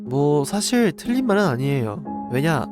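A man's voice: on the high side, very animated, normal speed. A man hosting a radio-style show, telling urban legends conversationally and explaining them with questions to his listeners. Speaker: radio-style horror story channel host. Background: music behind the voice.

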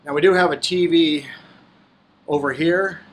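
A man's voice: a little high, unhurried. A man giving a casual walkthrough tour of a boat, talking to viewers as he moves around the decks and cabin. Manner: relaxed, talks to viewers while walking around. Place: on a boat, outdoors then in the cabin.

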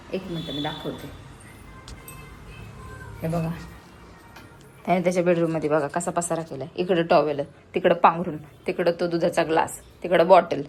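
A young woman with a Marathi accent, chatting in a casual home vlog and repeating her words. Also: fairly low pitch. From India. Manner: chatty, repeats words, mixes in English and Hindi. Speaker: vlogger. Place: family home.

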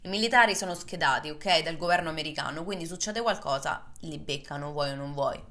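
A young woman from Italy, telling a lively casual story to her viewers and acting out the quotes. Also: deep voice, a little fast. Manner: animated, acts out quotes in English. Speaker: vlogger.

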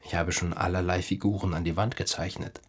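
A male narrator doing a despairing young man in an audiobook, low, husky, slow and halting. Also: level tone. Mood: weary. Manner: slow, halting, anguished delivery.

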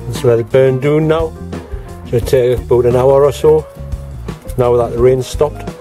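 A middle-aged man films his outdoor allotment garden on a handheld camera, chatting plainly to viewers as he walks round in a casual vlog. His dark, medium-pitched voice is unhurried with fairly even intonation, and faint music plays behind.

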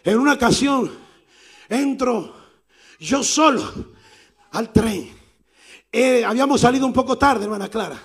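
A man from South America preaches in a church with a strikingly high voice. His storytelling is animated, and his voice rises into shouts for emphasis. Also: measured pace, pauses often, slightly rough. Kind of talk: sermon storytelling.

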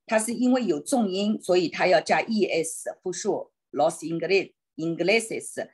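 A woman teaching an online Spanish class in Chinese on a video call, thinking aloud and hesitating, slowing down on Spanish words. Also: fairly low pitch, animated, darkish tone, husky.

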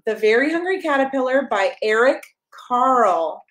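A woman in her thirties reading a picture book aloud to a toddler, expressive and encouraging, coaxing the child along with questions. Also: a little high, normal speed, echoey room. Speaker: pastor reading a children's story. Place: small carpeted room at home, indoors. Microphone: camera a step or two away.

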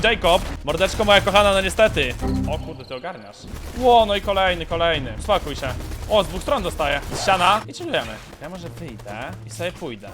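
A young man commenting on his own gameplay, his voice sitting high and leaping all over the place as he yells and teases. Music plays underneath him the whole time. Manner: excitable, shouts at other players, teasing. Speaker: gaming YouTuber. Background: background music.

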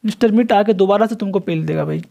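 A young man talks his way through a horror game with a fairly high voice. He is chatty and excitable, and keeps addressing his viewers as he plays. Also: quick pace, gravelly. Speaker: gameplay streamer. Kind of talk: casual gameplay commentary.

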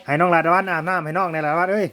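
Racing along in a slightly high, steady voice that sounds pushed and bright, an Isan-accented vlogger records his family at home in a rural village. His casual commentary keeps addressing the audience as brothers and sisters.

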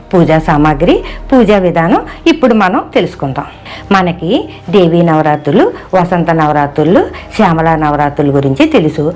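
Calm, steady devotional instructor. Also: mid-range voice. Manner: calm, steady itemized listing. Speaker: devotional presenter. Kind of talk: instructional narration of a ritual. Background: faint background music.

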